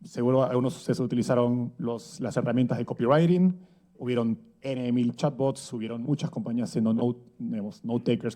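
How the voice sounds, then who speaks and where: The talk is a conference presentation by a Peruvian man, delivered conversationally from an event stage to an audience. He uses many fillers and rhetorical tags, and his voice is warm and medium-pitched.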